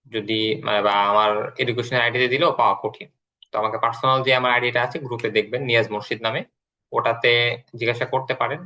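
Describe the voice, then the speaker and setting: A man teaching an online English class, explaining slowly and repeating words as he goes. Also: medium pitch, pushed and bright, poor audio.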